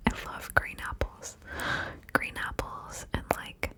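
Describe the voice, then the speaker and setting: A woman's voice: slow pace, bright, forceful tone. A woman whispering ASMR into a stereo mic, playful and chatty, with casual swearing. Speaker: ASMR creator. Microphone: stereo mic, left and right ears.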